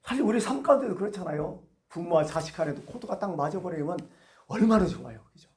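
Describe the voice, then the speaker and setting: A man's voice: high voice, expressive, quick pace, darkish tone. A male pastor giving a conversational sermon, asking the congregation questions as he goes. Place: church sanctuary. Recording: echoey church hall.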